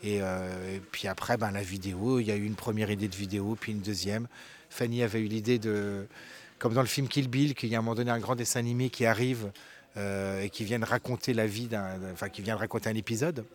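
Man, storyteller, interview guest, hesitant, fillers, lowish voice. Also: fairly even intonation, quick pace. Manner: hesitant, many fillers and repeated words. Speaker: storyteller and co-director of a theatre company. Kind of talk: casual interview answer.

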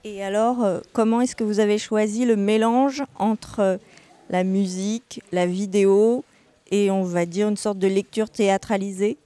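Mellow-voiced woman reading aloud. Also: mid-range voice, fairly even intonation, unhurried, clean tone, faint music behind. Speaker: reader and interviewer. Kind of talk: theatrical reading.

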